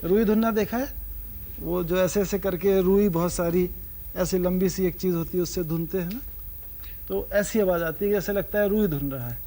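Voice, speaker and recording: High-voiced man teaching sarod. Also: steady tone, normal speed, mellow. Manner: asks the audience questions, sings sargam syllables. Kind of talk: lecture-demonstration to students.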